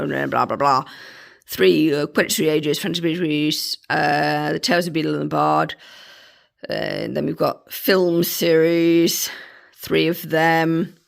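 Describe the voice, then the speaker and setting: Croaky woman with a cold. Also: sits low. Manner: chatty, dismissive asides. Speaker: book reviewer. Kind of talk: casual book review vlog.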